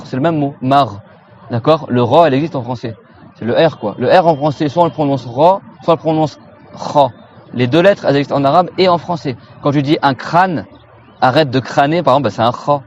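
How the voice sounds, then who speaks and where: Man from France, relaxed recitation teacher, slow repeated syllables, dull lo-fi sound, faint hiss. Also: medium pitch. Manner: repeats Arabic sounds slowly for students to echo; casual, familiar, checks in with "d'accord?". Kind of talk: informal pronunciation lesson.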